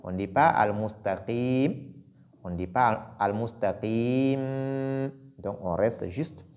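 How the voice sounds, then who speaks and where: A man teaching Quran pronunciation, speaking deliberately and repeating each sound to demonstrate it. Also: low-pitched. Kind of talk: pronunciation lesson.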